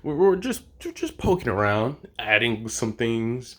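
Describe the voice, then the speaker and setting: A man's voice: medium pitch, sing-song, a little slow, voice pushed down. A man voicing laid-back male dragons that talk in easygoing slang with a touch of smugness.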